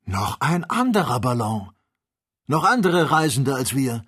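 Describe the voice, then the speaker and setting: A man voicing a calm, learned male doctor leading a balloon journey, in an audiobook reading. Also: mid-range voice, measured pace, breathy edge, pitched above the performer's own voice, full character voice. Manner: calm, explanatory.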